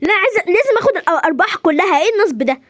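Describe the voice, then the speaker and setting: A woman's voice: animated, rapid-fire, a bit bright, no echo, clean studio sound. A woman with an Egyptian Arabic accent playing an indignant woman scientist who demands all the profits, in a homemade comedy skit. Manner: shrill, insistent complaining.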